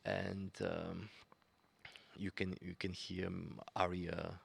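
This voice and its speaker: Deep, gravelly-voiced male pianist. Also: level tone, takes it slowly. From Bulgaria. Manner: searching for words, many fillers. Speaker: guest pianist. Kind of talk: conversational interview.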